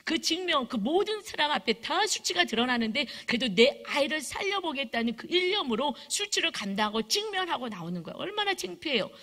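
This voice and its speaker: Animated woman pastor preaching a sermon. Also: high voice, a little fast, hardly any pauses. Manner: animated, acts out stories with voices.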